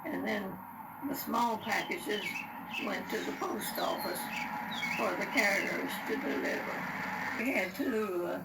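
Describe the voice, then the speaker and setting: A very old woman, over a hundred, recalls her past in halting, unscripted short phrases. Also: mid-range voice, gravelly. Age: very old, over 100. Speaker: interviewee recalling childhood. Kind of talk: unscripted reminiscence. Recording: roomy, distant, noisy with birdsong.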